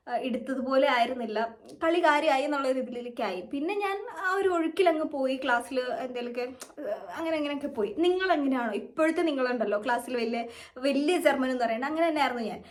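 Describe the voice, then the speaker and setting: A young woman with a Malayali accent, telling her own story to camera in a chatty, rambling way and mixing English words into her speech. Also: high voice. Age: young adult. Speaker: vlogger.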